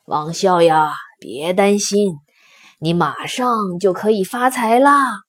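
A woman voicing a kindly old male stone lion who laughs heartily and speaks slowly. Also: mid-range voice, breathy edge, voice pushed down. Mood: jovial.

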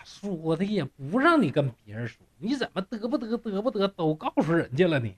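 A woman's voice: fairly low pitch, big pitch swings, a little fast, slightly rough, voice pushed up. A male storyteller voicing an offended young woman who scolds her lover. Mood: indignant. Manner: indignant scolding.

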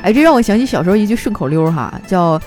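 Playfully reading out jokes sent in by listeners, this female radio host does voices for quoted characters in a chatty, comic storytelling style. Her medium-pitched voice is very animated and darkish, moving at a quick pace over faint background music.

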